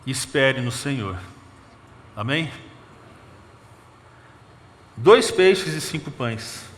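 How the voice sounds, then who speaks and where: A man with a Brazilian Portuguese accent preaching a sermon as pastor, murmuring soft counts and building to emphatic appeals. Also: mid-range voice, lively intonation, drawn-out words. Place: church sanctuary. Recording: long church reverb with faint ambience.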